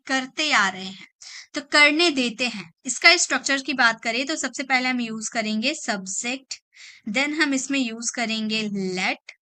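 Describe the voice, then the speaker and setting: A woman teaching a beginners' English lesson, repeating each example and saying the English lines slowly. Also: high-pitched, bright, forceful tone.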